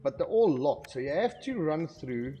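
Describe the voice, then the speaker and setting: A man's voice: fairly high pitch, big pitch swings, moderate pace, dark tone. A man giving casual let's-play commentary, thinking aloud and saying 'okay' a lot. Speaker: gaming video creator. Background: faint game music.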